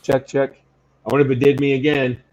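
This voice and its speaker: A man's voice: mid-range voice, little pitch movement, brisk, a little mellow. A man co-hosting a livestream, teasing in casual banter, and sounding muffled and distant, as if he were inside a box. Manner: teasing, playful. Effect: muffled, boxy sound, as if inside a box. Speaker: co-host. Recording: dull muffled lo-fi mic, slightly distant.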